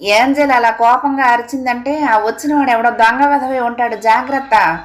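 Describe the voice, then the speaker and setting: Woman doing a sharp house-proud wife calling from another room, pitched up, louder, for an audio storybook. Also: normal speed, close to an everyday voice. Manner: calling out from indoors.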